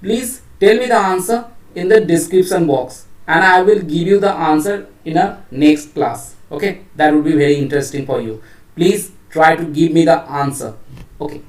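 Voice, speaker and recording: A woman with a Bengali accent teaches an English grammar lesson, walking through the rules step by step and quizzing her students along the way. Her voice is low, a little mellow, and extremely slow. She sits far from the mic in an echoey room.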